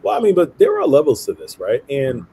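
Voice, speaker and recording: A man's voice: medium pitch, wildly swooping pitch, brisk, gravelly, dark tone, slight background noise, rough recording. A man in his thirties, originally from Haiti and raised in Brooklyn, explaining himself earnestly as an interview guest and often checking in with "right?". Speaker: guest, nonprofit founder. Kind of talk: conversational interview.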